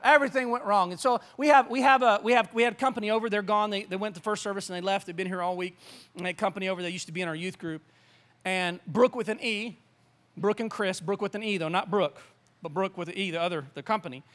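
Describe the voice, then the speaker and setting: Animated high-voiced male preacher. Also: quick pace. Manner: animated, rambling with repeated restarts. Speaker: pastor. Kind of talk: sermon with storytelling.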